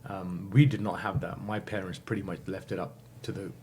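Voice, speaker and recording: Man, 50s, lowish voice, reflective interview talk, light background noise. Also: level tone, a little fast, warm tone. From England. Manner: thoughtful, many fillers, self-correcting. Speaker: guest.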